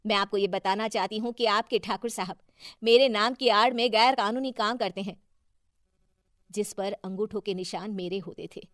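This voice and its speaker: A woman plays a wronged wife and councillor in a cartoon moral story. She speaks up earnestly and with indignation, in a medium-pitched female voice. The sound is dry and close. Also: normal speed, no room sound, natural voice. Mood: earnest, resolute.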